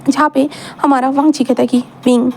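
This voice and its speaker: A woman reads a romance fan fiction aloud in a high, bright voice. She talks fast and chattily, repeating little connecting phrases as she goes. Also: little pitch movement. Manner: chatty, repetitive narration. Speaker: storyteller.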